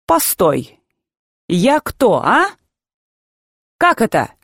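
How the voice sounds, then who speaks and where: A woman reading a stern, grumbling old grandfather who breaks into shouts, in a storybook narration. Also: mid-range voice, huge pitch swings, extremely slow, breathy edge, dry recording, clean studio sound, heavily acted. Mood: shouting.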